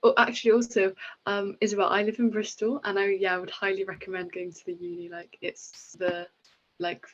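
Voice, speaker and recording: A young woman chats on a video call, bubbly and hesitant, with many ums. The call audio is dull and muffled. Her pitch is mid-range. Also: little pitch movement, brisk. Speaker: participant. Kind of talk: casual chat on a video call.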